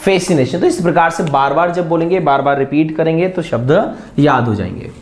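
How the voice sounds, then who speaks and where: A man's voice: fairly high pitch, a little fast, echoey room. A man teaching an exam-prep vocabulary lesson, repeating each word and quizzing viewers with questions.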